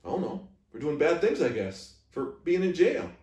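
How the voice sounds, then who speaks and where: A man's voice: on the high side, big pitch swings, moderate pace, a little mellow, voice pushed up. Man reading as an earnest young girl, echoey. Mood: uneasy, curious. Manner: questioning, polite, innocent. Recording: echoey room, distant microphone.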